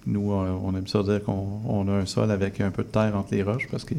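Guest cider maker, Québécois man, lowish gravelly voice, halting delivery full of fillers, studio interview. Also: little pitch movement, noisy background. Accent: Québécois French. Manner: hesitant, many fillers. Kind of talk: radio interview. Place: radio studio.

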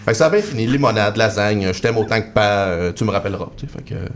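A man with a Quebec French accent telling comic personal stories as a guest on a radio show, self-mocking and quick with asides. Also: fairly low pitch, a little hiss or hum. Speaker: guest columnist. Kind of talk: comic radio chronicle, casual banter. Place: radio studio.

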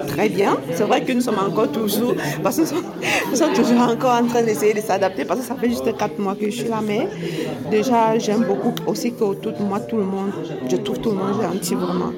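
A woman from Cameroon with a Cameroonian French accent, a nurse giving a recorded testimonial, hesitant and repeating her words, with light laughter. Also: mid-range voice. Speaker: nurse in a recruitment cohort.

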